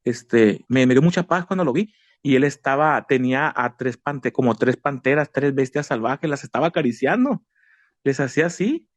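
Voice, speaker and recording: A man gives an emotional personal faith testimony, earnest and repetitive, calling the listener brother. His mid-range voice is expressive and moderately paced, with no room sound.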